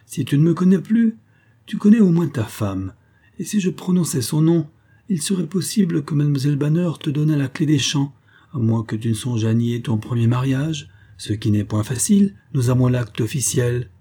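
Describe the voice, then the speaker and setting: A man reading an audiobook, voicing a taunting blackmailing swindler in a raised, loud voice. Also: fairly high pitch, animated, moderate pace, husky, pitched above the performer's own voice. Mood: threatening. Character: mocking blackmailing swindler, male adult.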